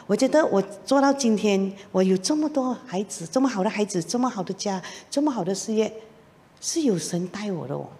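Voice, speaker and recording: A middle-aged woman gives her personal testimony to a church congregation, telling it in an animated way and acting out the lines of the people in her story. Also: mid-range voice, brisk. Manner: animated storytelling with laughs and acted-out quotes. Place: church hall. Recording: long reverb of a church hall.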